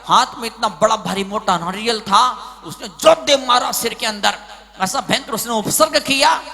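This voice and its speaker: A man preaching a sermon as a monk, telling stories with big swings between loud and hushed. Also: high voice, moderate pace, vocal fry. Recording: hall reverb.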